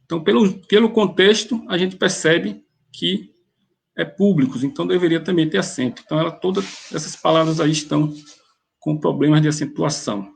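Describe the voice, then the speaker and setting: High, gravelly teacher. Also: male voice. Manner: methodical, pauses and restarts mid-phrase. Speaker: grammar teacher. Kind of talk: explaining exam questions.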